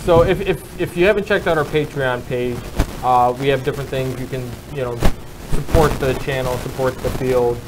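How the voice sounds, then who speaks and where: A man's voice: mid-range voice, moderate pace. A man hosting a casual livestream, loose and rambling with lots of fillers. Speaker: livestream host. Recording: noisy room with background hum.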